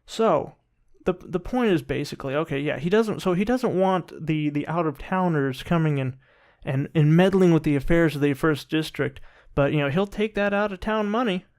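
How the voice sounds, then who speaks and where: A man giving casual political commentary in a rambling, halting and sometimes sarcastic way, often restarting his sentences. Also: fairly high pitch, darkish tone. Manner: rambling, halting delivery with repeated false starts. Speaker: political commentary video host.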